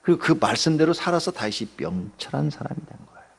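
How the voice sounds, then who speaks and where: Gravelly, husky male pastor, swooping pitch; chatty dawn sermon with quick questions to the pews. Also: very animated. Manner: conversational, asks the congregation questions; acts out everyday people in quotes, joking. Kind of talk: early-morning sermon.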